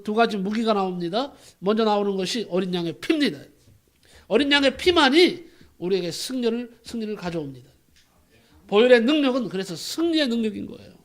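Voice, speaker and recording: Brief: male pastor, high-pitched, preaches with emphatic rhetorical questions. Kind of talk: sermon.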